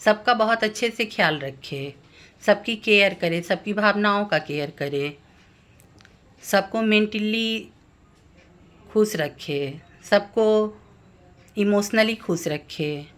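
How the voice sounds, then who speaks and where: A woman vlogger giving calm advice on family relationships, speaking gently and explaining each point step by step. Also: medium pitch. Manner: slow, gentle and explanatory, lists family members one by one. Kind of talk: calm advice talk to camera.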